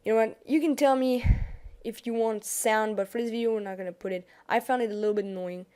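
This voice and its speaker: A young woman who makes gaming YouTube videos, with a French accent, casually comments on a card game shown via screen capture, restarting her sentences often. She speaks quickly in a slightly high voice that is mellow, clear and resonant, with fairly even intonation.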